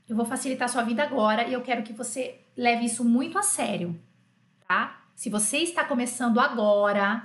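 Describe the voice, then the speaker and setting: A Brazilian woman with a high voice runs a live French lesson, talking straight to her learners in a chatty, joking way. The recording carries a noticeable room echo. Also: a bit bright. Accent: Brazilian Portuguese. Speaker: French teacher. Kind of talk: live online language lesson.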